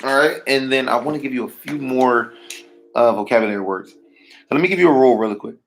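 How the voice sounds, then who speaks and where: A man's voice: mid-range voice, fast, a little hiss or hum. A man teaching a language lesson to a class. He keeps checking in with "right?" and puts questions to the students. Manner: checks in often with "right?" and "all right?"; asks the class questions and waits. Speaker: Hebrew teacher.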